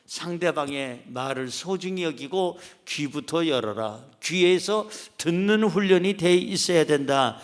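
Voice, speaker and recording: A male pastor preaching a sermon with emphatic delivery, acting out short quoted voices. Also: high voice. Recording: long church-hall reverb.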